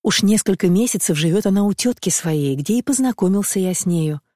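A woman voicing a polite, formal young gentleman who comes to ask for a bride's hand. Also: medium pitch, expressive, fairly quick, dry recording, studio quality, close to an everyday voice. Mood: courteous. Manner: formal, courteous. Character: polite young gentleman suitor, growing impatient.

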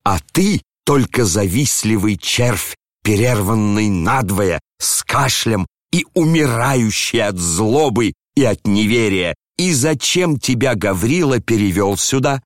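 A man's voice: low-pitched, expressive, slow, dry recording, clean studio sound. A man voicing an old, proud general who rants and bellows in outrage. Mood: ranting.

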